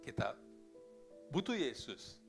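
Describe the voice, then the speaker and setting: A middle-aged male pastor preaching, dropping into hushed, slow musing and rising to loud, high exclamations, with English phrases mixed in. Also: big pitch swings. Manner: slips into English phrases and sings softly. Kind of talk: sermon. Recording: faint guitar music behind.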